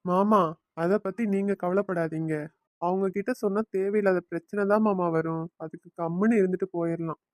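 A woman's voice: on the low side, fairly even intonation, a little fast, a little mellow, no room sound, close to an everyday voice. A woman voicing a resentful young son-in-law in a family cartoon, speaking bluntly and sarcastically. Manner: sarcastic, reproachful.

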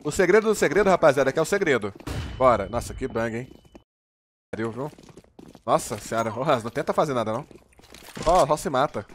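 Fast-talking Brazilian streamer man. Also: medium pitch, slight background noise. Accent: Brazilian Portuguese. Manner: energetic, slangy, addresses viewers as a crew. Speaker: game streamer. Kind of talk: live gameplay commentary and coaching.

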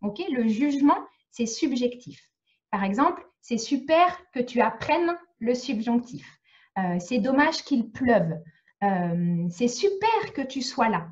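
A woman's voice: a little high, animated, takes it slowly, lo-fi sound. A woman from France teaching French in a live online lesson, explaining patiently and checking often that students follow. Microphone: video call.

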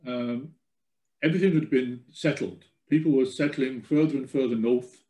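Older guy doing a halting informal lecture on a video call, roomy echo, normal pitch. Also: dark tone. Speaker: guest lecturer. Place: indoors in a room at home, on a video call.

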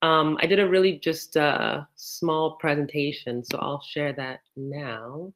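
A woman's voice: sits low, fairly even intonation, unhurried. A woman in her thirties from the United States, giving a casual, thoughtful research talk over a laptop video call with frequent fillers. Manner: conversational, thoughtful, many fillers. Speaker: PhD candidate presenting research. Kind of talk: casual online presentation. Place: indoor room.

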